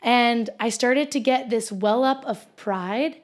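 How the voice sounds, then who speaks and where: A woman's voice: on the high side, slow. A woman in her twenties hosts a podcast on her own and tells a story in a chatty, casual way, with many ums and likes. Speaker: podcast host. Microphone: home recording for podcast with video.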